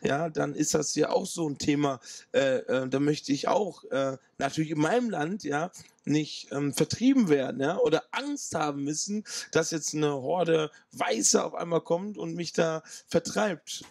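A man's voice: on the high side, unhurried, vocal fry, a little mellow, dry recording, clean studio sound. A man from Ghana being interviewed outdoors in woods on a handheld mic, talking hesitantly with many fillers.

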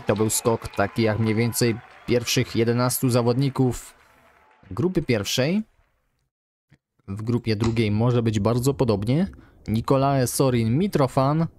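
A man calls a ski jumping video game like a live sports broadcaster, reeling off distances and point totals. His voice sits at an ordinary middle pitch, and he lifts it sharply when a jump goes well. A faint hiss of noise sits under the voice. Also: unhurried. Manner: excitable, rising loud on big jumps. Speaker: game commentator. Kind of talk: sports-style play-by-play commentary.

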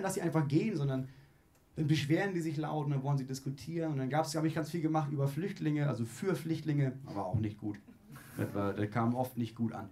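Holding a handheld mic on a small living-room stage, a young guest comedian talks casually with his audience. His voice is a little high and a little mellow, and his delivery is quick, wry and self-mocking, with acted-out quoted voices.

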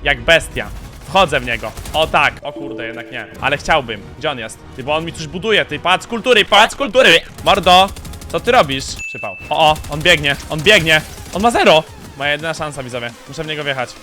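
A young man from Poland giving excited commentary over his own game, with sudden shouts and quick muttered asides. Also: a little high, faint music behind. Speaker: gaming YouTuber.

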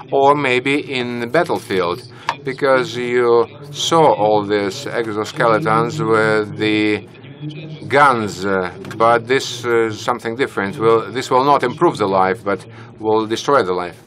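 A crowd can be heard behind this audience member as he poses a question from the floor at a conference, standing among the other attendees with a handheld microphone. He speaks lower than his naturally high voice on purpose, in a measured way with fillers.

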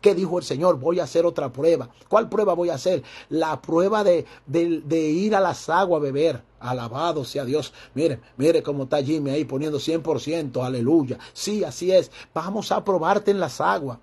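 A man preaching a sermon as pastor, fervent and emphatic, climbing into high bursts. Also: normal speed, hardly any pauses, darkish tone, slightly rough.

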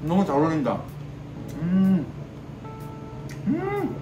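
A man's voice: sits high, wildly swooping pitch, slow pace, far from the mic, muffled recording. A man reviewing food in a casual eating vlog, chewing with his mouth full and humming as he tastes. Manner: chatty, addresses viewers directly, hums while tasting. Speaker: food vlogger. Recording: roomy sound from off mic, music behind.

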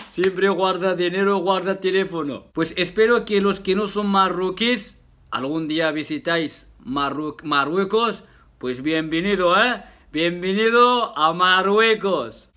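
Male vlogger, high bright voice, unhurried and jokey, laughs a lot. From Morocco. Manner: jokey, laughs often, tag questions. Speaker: YouTuber. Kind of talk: casual vlog talk to viewers.

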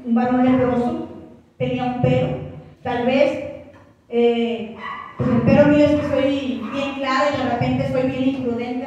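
High-voiced woman preaching in an echoey hall. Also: mellow, a little hiss or hum. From Mexico. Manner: fervent, keeps calling listeners "hermano". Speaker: pastor. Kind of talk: sermon. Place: church hall. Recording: echoey church hall, far from mic.

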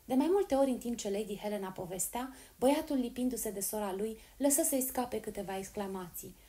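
A woman reading a classic adventure novel aloud in a clear, steady storytelling narration. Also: a little high. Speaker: audiobook reader.

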